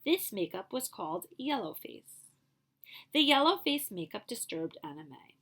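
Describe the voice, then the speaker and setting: A woman librarian reads a picture book aloud at a steady storytelling rhythm, occasionally pausing to make a brief aside to her listeners. Her voice is mid-range and her pace moderate.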